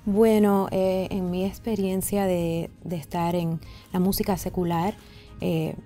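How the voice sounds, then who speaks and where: Mellow, low-voiced woman with American-accented Spanish. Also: flat delivery, faint music behind. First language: English. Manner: halting, searching for words, slipping into English. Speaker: interview guest, singer. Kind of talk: conversational interview answers. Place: indoor radio and TV studio set.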